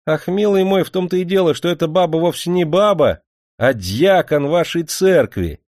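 A man voicing a fat, mischievous actor who squeals and giggles in a high voice. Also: moderate pace, creaky, darkish tone, no room sound, clean studio sound. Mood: laughing. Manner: shrill, squealing with laughter. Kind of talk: audiobook character voice.

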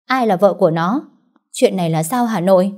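A woman's voice: medium pitch, a little fast, darkish tone, close to an everyday voice. A woman voicing a young village girl who talks back defiantly and pleads with her mother.

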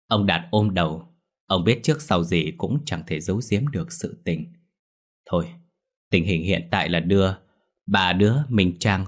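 Low husky male storyteller. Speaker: narrator. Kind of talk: scripted ghost story narration.

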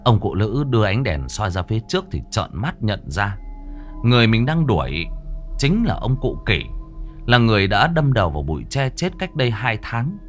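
A man narrating a Vietnamese village ghost story in a vivid, expressive storytelling manner. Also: on the low side, moderate pace, soft background music.

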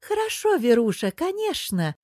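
A woman voicing a chatty, doting older aunt who coos and fusses in a high, loud voice, read in an audiobook. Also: wildly swooping pitch, moderate pace, no room sound, studio quality. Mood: fussing. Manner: cooing, gushing, high and loud.

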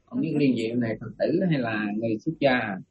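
A man's voice: mid-range voice, quick pace, lo-fi sound, slight background noise. A man, a monk, patiently teaching Pali pronunciation in an online class and repeating the key sounds.

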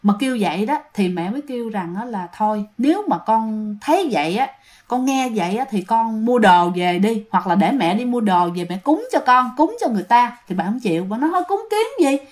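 Woman narrator, slightly high voice, casual ghost-story telling, talks straight to listeners. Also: animated, a little fast. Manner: chatty, addresses listeners directly.

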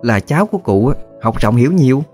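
A man voicing a curious young granddaughter who asks eager, quick questions. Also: medium pitch, sing-song, darkish tone, slightly rough, soft background music, pitched above the performer's own voice. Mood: playful.

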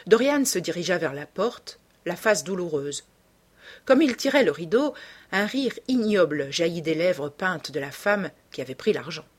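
A woman narrating a classic novel as an audiobook in a slow, measured way. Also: lowish voice, expressive, husky.

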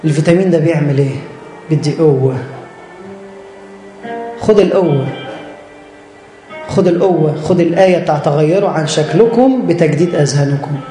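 A man's voice: fairly high pitch, brisk, long pauses, dark tone, echoey room, faint music behind. A man with an Egyptian Arabic accent preaching a church sermon, earnest and direct, repeating phrases for emphasis.

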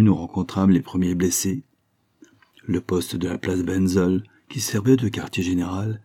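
A man narrating a novel in a steady, measured reading voice. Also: low voice, slightly rough. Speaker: audiobook narrator.

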